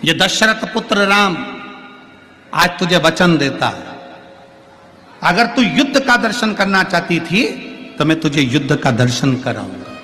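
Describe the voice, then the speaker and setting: A man voicing a gentle divine king who asks questions and makes a solemn promise, with long hall reverb and faint music behind. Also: fairly high pitch, big pitch swings, a little slow, pauses often, exaggerated voice. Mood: gentle, promising.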